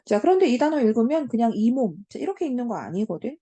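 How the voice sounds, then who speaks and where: A woman teaching grammar in an online lecture to high school students, often asking "right?" and filling pauses with "so" and "um". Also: very animated, mellow, no echo. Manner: fills pauses with "자" and "음", asks the class check questions.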